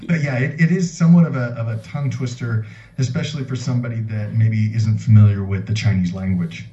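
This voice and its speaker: Man, mellow, steady explainer, roomy dull recording from off mic. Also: on the low side, far from the mic. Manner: explains steadily, slows down to teach phrases. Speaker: podcast co-host. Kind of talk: casual podcast chat.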